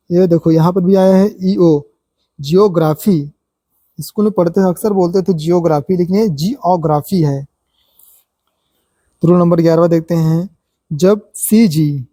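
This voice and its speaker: A man teaching English pronunciation in a spoken lesson, stepping through numbered rules and repeating example words slowly. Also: high-pitched, warm tone, dry recording.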